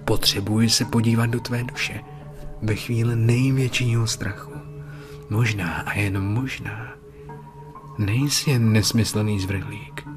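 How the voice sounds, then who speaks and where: A man voicing a calm, menacing male killer who speaks softly in hushed tones. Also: on the low side, close to an everyday voice.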